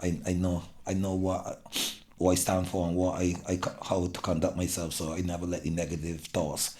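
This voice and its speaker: A middle-aged man with a Barbadian accent talks in a very deep voice. He is earnest and sincere, often stopping and restarting mid-sentence as he gathers his thoughts. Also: little pitch movement, mellow. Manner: earnest, halting, many restarts. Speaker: guest. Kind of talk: casual interview.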